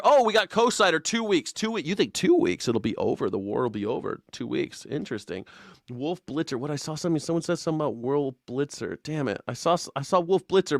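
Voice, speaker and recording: A man in his 40s hosts a live stream, his voice on the high side and recorded dry and close with no echo. He's sarcastic and profane, rambling loosely through a casual political comedy rant while reading chat comments aloud.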